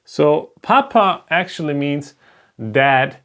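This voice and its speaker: A native German speaker with a German accent, this Hebrew teacher has a slightly high, fairly bright voice, and he's animated but slow-paced. At a board he works through a slow explanatory lesson, patiently step by step, asking "right?"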